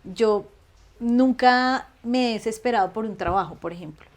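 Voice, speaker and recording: A woman, chatting as an interview guest in an animated way, laughing often. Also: on the high side, moderate pace. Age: 30s. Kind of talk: casual conversational interview.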